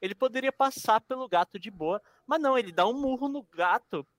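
A man's voice: very high-pitched, expressive, brisk, a bit bright, dry recording. A young Brazilian man on a podcast panel, teasing and emphatic in casual chat. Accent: Brazilian Portuguese.

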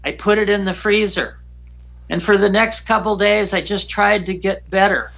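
A man guest recounting a frightening personal story in an emotional, halting way, often repeating himself. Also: sits high, fairly even intonation, creaky, a bit bright.

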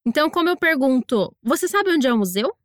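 Female English teacher, high voice, dry close mic, patient drills. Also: sing-song, no echo. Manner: encouraging, slow deliberate pronunciation drills. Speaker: English teacher and podcast host. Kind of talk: scripted language lesson narration.

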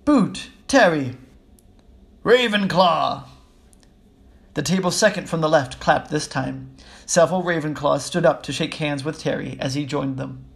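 A man reading a children's book aloud in a steady, even way, with small slips. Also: on the high side, vocal fry. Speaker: audiobook reader. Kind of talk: storybook reading.

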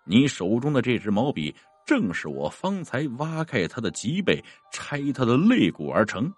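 A deep, commanding ghost general of the underworld, as a storyteller puts him on, grave and unhurried. His tone stays dry and close, with the pitch swinging widely across each sentence. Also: sing-song, no echo, faint music behind. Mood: cold. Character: cold stern male ghost general from the underworld.

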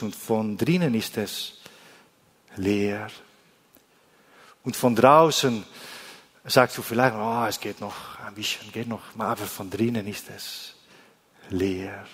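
A man from the Netherlands, preaching a sermon in German, slow and deliberate, with phrases that often drop to a soft low ending. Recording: long hall reverb.

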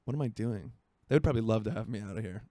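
A man's voice: lowish voice, rapid-fire, mellow, no room sound, studio quality. A man in his twenties from Florida, hosting a solo podcast in rambling, self-mocking casual chat from his home by a marina. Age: 20s. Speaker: podcast host.

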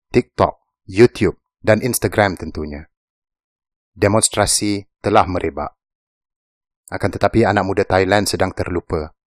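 A man reading an opinion essay aloud in a measured, serious narration. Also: low-pitched, no room sound, clean studio sound. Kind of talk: scripted narration.

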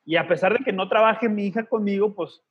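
Husky man in his thirties. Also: sits high, fairly quick, muffled recording. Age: 30s. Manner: earnest, storytelling, slangy asides. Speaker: podcast co-host. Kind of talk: casual faith podcast conversation.

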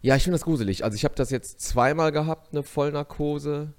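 A young man in casual, joking podcast banter, animated and playful. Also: a little high, a little fast, a little hiss or hum. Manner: animated, jokey, slips into silly put-on voices.

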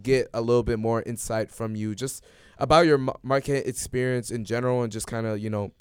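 A man's voice: mid-range voice, clean tone, dry recording, clean studio sound. A young man hosting a casual podcast chat. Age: young adult. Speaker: podcast host.

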